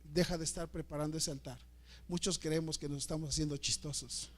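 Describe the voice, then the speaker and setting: A man's voice: a little high, steady tone, fairly quick. A middle-aged male pastor, preaching a story-driven sermon with emotional, repetitive delivery. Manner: emotional, repeats words, dramatic swings in loudness.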